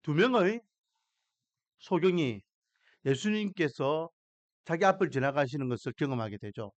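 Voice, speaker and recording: A man's voice: fairly high pitch, lively intonation, unhurried, no echo, lo-fi sound. A male pastor, preaching a Sunday morning sermon and posing rhetorical questions with dramatic emphasis.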